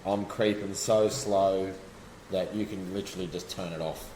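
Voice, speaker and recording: A man with a low Australian voice talks casually and rambles through his fishing method, restarting sentences as he goes. The room is echoey, with a faint hiss of noise underneath. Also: steady tone, normal speed, darkish tone. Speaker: guest angler. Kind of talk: casual chat.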